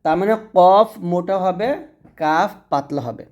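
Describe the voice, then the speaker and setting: Mellow-voiced man teaching letter sounds. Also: sits high. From Bangladesh. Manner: patient, repetitive explanation with drawn-out letter demonstrations. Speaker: Quran reading teacher. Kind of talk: lesson.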